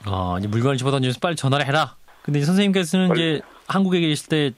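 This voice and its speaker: A man's voice: on the high side, very fast. A man hosting a news radio interview in a polite, formal manner.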